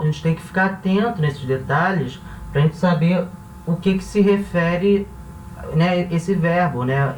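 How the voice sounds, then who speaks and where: A man from Brazil teaching a grammar lesson, explaining each step slowly and checking in with his listeners as he goes. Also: on the high side, recorded from a distance, slight background noise. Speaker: language teacher. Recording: echoey room, voice off-mic.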